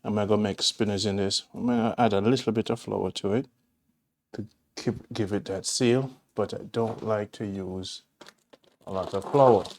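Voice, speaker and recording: A man from Jamaica, with a Jamaican accent, hosts a casual cooking demonstration in his home kitchen, chatting and rambling with homely asides as he works. His voice is lowish and darkish, with fairly even intonation at a moderate pace.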